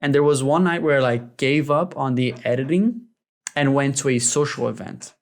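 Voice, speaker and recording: A man's voice: mid-range voice, moderate pace. A man from Brazil, a game developer casually telling his story in an interview, rambling and full of fillers.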